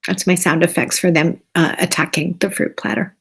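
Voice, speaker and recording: A woman's voice: on the low side, steady tone, moderate pace, vocal fry, a bit bright, slightly rough. A woman hosting story time for children, reading a picture book aloud with chatty, playful asides.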